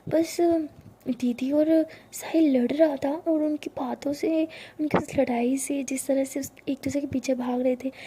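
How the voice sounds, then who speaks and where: Woman putting on a playful, teasing young girlfriend. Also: high-pitched. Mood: earnest.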